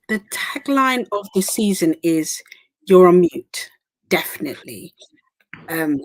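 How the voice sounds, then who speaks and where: A woman's voice: on the high side, no echo, rough recording. A woman hosting a virtual event on a video call, chatty and self-deprecating as she introduces speakers. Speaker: event host.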